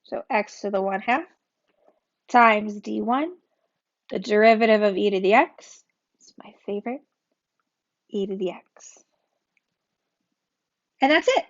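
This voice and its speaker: A woman's voice: mid-range voice, expressive, a little slow, long pauses. A woman teaching a recorded calculus tutorial in a chatty way. She corrects herself often and recites a memory rhyme. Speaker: math teacher. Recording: dull lo-fi audio.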